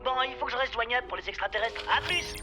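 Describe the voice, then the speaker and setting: A woman voicing a young boy obsessed with aliens, heard as a distant, crackly radio transmission and talking in a hurried, teasing way. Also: a little high, expressive, music in the background. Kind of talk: cartoon dub acting.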